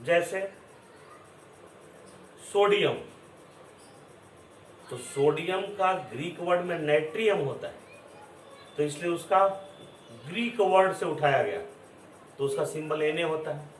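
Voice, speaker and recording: A man giving a classroom lecture, explaining slowly and repeating his words. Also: sits high. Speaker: teacher. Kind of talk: classroom lecture mixing Hindi and English. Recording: echoey room, voice from a distance, faint background noise.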